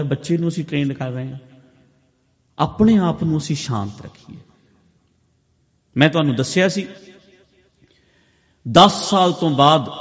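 A man giving a sermon-style talk to a camp audience, repeating phrases for emphasis and swinging between loud and soft. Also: on the high side. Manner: repetitive, emphatic phrasing with big swings in loudness. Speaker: speaker at a meditation camp. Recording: long hall reverb, dull lo-fi sound.

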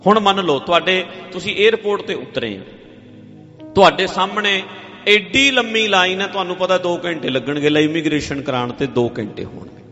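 A man's voice: high-pitched, a little fast, pushed and bright, faint music behind. A man preaching a sermon in a conversational style, repeating phrases and acting out the worried voices of ordinary people. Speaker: Sikh preacher. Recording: dull, hall-like reverb.

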